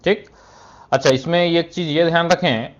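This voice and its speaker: A man's voice: on the high side, normal speed, highs cut off. A male Hindi teacher explaining step by step in a classroom lesson, asking questions and answering them himself, with frequent "thik hai" fillers. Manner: keeps adding "thik hai" between phrases; clears his throat now and then.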